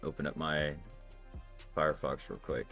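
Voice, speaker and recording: Rumbling low and level, with vocal fry and a bit of brightness, this man talks at normal speed. He's a livestream gamer casually chatting and answering viewers, loose, talkative and full of filler words, with faint background music.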